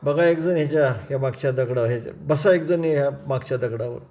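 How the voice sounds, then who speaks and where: A man voicing a domineering village strongman with a whip, who shouts threats in rough rustic speech. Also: medium pitch, fast, close to an everyday voice. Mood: harsh, commanding.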